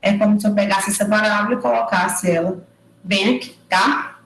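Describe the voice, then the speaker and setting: A woman lecturer giving an online engineering class, explaining step by step and checking in with quick tag questions. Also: medium pitch, fairly even intonation, a bit bright, echoey room, low-quality recording. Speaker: university lecturer. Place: room at home or office, recorded over a digital platform. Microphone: computer mic on a video call.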